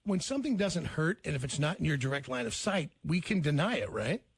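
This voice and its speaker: Male morning radio host: gravelly, husky voice, animated joking delivery, dry studio sound. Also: on the high side, a little fast, no room sound. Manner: loud, joking, laughs often, does mocking voices. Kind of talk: casual morning radio chat. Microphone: studio microphone.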